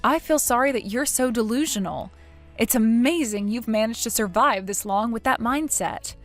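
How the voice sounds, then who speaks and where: A woman voicing a cool, cutting young woman who mocks in a dry, measured way, in a read-aloud text story. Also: fairly high pitch, faint music behind, natural voice. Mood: sarcastic.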